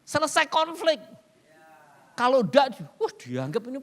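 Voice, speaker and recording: A man's voice: extremely high pitch, wildly swooping pitch, a little slow, a bit bright. A man preaching a sermon and telling funny stories, laughing often and dropping in English phrases. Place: church hall. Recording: reverberant hall sound.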